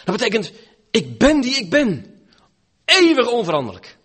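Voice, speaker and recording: A man preaching a sermon, dramatic, swinging between loud pleading and hushed, near-whispered lines. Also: extremely high pitch, wildly swooping pitch, moderate pace, slightly rough.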